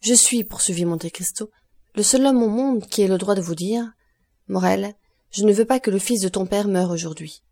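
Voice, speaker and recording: Brief: woman narrator voicing a calm, firm nobleman, mid pitch, warm, measured. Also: natural voice. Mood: grave. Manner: steady, quiet and measured. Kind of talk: audiobook reading of a novel.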